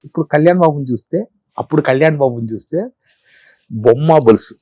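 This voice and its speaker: A middle-aged man and comedian, telling animated stories in an interview, repeating phrases for effect. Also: a little high, fairly quick, dry recording. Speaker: comedian guest. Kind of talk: storytelling interview.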